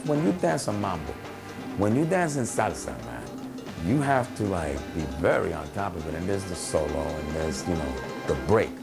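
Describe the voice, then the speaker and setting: A man with a low, gravelly voice recounts old stories in a casual, animated way for a documentary. Soft music sits faintly under him. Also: normal speed. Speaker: interviewee. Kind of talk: documentary interview, storytelling.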